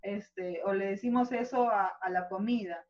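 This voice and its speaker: A woman with a Peruvian accent teaches an online school class at a patient, unhurried pace. Her voice is mid-pitched and she keeps checking in with her students. The recording is slightly muffled and lo-fi. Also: darkish tone. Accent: Peruvian Spanish. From Peru. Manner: explains slowly with many rhetorical "¿no?" checks. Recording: slightly dull lo-fi audio.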